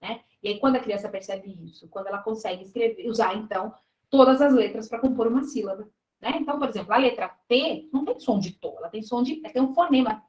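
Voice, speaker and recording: A woman with a Brazilian Portuguese accent leads an exam review, working through answer choices step by step. Her voice sits a little high. The room around her rings with a noticeable echo. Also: quick pace, a little mellow. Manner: explanatory, checks in with students often. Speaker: teacher reviewing exam questions. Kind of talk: live online exam-prep lesson.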